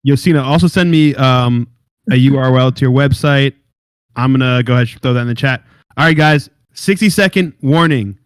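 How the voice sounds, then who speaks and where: A man's voice: medium pitch, steady tone, brisk, clean tone, no echo. Laid-back slangy young man hosting a podcast. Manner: slangy, laid-back, steers the show and giveaways. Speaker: podcast host. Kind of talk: casual gaming podcast chat.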